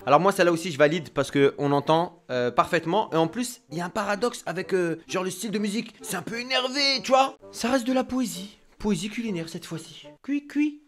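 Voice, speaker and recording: A man's voice: high-pitched, quick pace, hardly any pauses, fairly bright tone. A man doing casual, crude, joking reaction commentary for viewers. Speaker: youtuber. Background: music clips playing.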